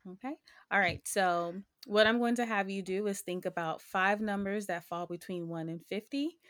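A woman's voice: medium pitch, fairly even intonation, normal speed, fairly bright tone. A young adult woman hosting her own podcast, talking in a reflective, casual way with frequent ums. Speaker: podcast host.

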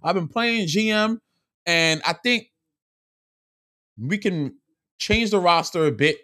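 In a clean, dry studio recording, a man with a slightly high voice delivers an opinionated sports rant to camera. As a sports vlogger he comes across animated and frustrated, hammering points through repetition.

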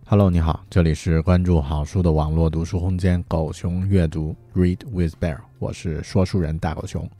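A man hosting a book-review podcast, explaining in a relaxed, steady way. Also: deep voice, normal speed, hardly any pauses. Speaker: podcast host.

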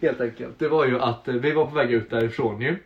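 A young man co-hosting a casual podcast, telling stories with laughter and plenty of swearing. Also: medium pitch. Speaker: podcast co-host. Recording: roomy, dull lo-fi sound.

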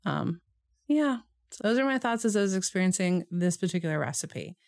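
A woman's voice: lowish voice, expressive, vocal fry, no room sound, clean studio sound. A woman co-hosting a podcast, chatting casually and reflectively about a historical recipe. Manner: reflective, reads quotes aloud slowly. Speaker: podcast co-host.

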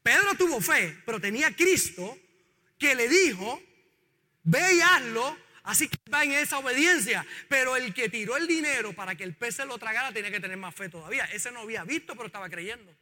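Male pastor, animated sermon delivery, very high and sharp tone, long hall reverb. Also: fast talker. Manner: animated preaching, calls on the congregation to repeat lines.

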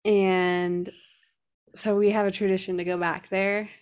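A young woman co-hosting a podcast, chatting casually. She tells her story loosely, with plenty of "like" fillers, at an ordinary middle pitch. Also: little pitch movement, a little slow, clean tone. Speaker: podcast co-host. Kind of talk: casual chat.

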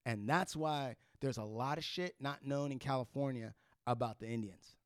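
A man's voice: medium pitch, moderate pace, dry recording, studio quality. A man talking in a casual, opinionated way, explaining like an emphatic storyteller in everyday slangy language. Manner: emphatic storytelling with casual swearing and checking "right?". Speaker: podcast co-host explaining history.

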